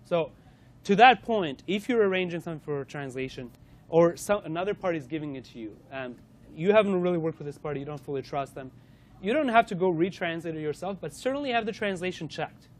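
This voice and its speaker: Fast and expressive, with a fairly high pitch, a man presents a corporate lunch-and-learn to a live audience. He runs a playful quiz, peppering his talk with fillers and restarts.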